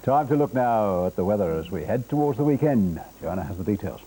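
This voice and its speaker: A male local news anchor with a folksy, chatty way about him. His voice is low and very mellow, and he talks quickly with lively swings in pitch. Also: slight background noise. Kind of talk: live news presenting with casual banter.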